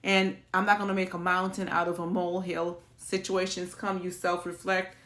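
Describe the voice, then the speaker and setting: A woman's voice: fairly low pitch, flat delivery, normal speed, a bit bright. A woman hosting a perfume vlog, talking to viewers in a chatty, reflective, rambling way with restarts. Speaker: perfume channel host. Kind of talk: casual chat to viewers.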